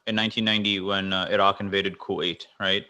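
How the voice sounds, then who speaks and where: A man's voice: low-pitched, level tone, fast talker, pushed and bright. A man explaining casually in a group discussion, with frequent false starts and filler words. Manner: many false starts, uses "like" often.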